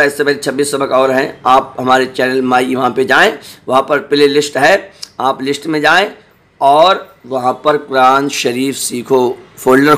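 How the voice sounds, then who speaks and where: A man teaching a Quran lesson online, slowly reciting and repeating each Arabic word, then explaining quickly and gently reassuring his learners with small jokes. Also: on the high side.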